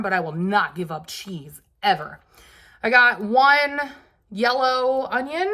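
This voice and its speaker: A Southern US woman with a mid-range voice sounds pushed and bright as she casually shows off her groceries for a vlog. She's hot and sweaty, sniffly with allergies, and her chat rambles with loose fillers and asides.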